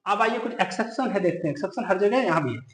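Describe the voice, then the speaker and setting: An animated male English teacher delivers a grammar lesson in Hindi, his voice high and light. He drills the class with quick questions he answers himself, then slowly repeats each key rule word by word for emphasis, all in a roomy, echoey space.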